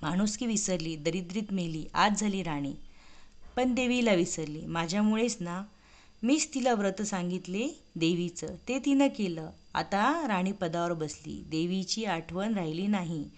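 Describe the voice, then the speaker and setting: A woman's voice: on the low side, measured pace. A woman voicing an old beggar woman, a goddess in disguise, who bitterly scolds a proud queen in a devotional story. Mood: indignant.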